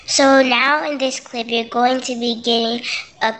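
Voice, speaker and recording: A woman's voice: fairly high pitch, level tone, unhurried, fairly bright tone, a little hiss or hum, poor audio. A woman giving casual recipe instructions as a vlog voice-over, loose and conversational with filler words.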